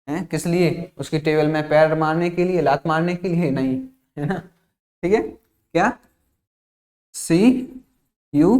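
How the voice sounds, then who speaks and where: A man's voice: a little high, a little mellow. A man with a Hindi accent teaching spoken English in a classroom lesson, repeating each phrase and quizzing his students. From India. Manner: repetitive, drilling phrases with questions to the class.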